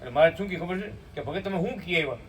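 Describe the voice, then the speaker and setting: Man, storytelling sermon, chants hymn lines, fairly high voice, distant mic, faint hiss. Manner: tells a story, breaks into slow chanted hymn lines, asks listeners "hum?". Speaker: spiritual speaker at a satsang. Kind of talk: devotional storytelling sermon with sung hymns.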